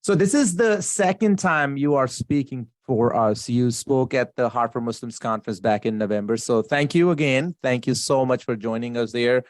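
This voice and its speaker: A man hosts a podcast interview in a friendly, affirming way. His voice sits at a middle pitch. The recording is dry and close, with no room sound. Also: normal speed, few pauses, dry recording. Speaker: podcast host. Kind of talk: casual interview talk.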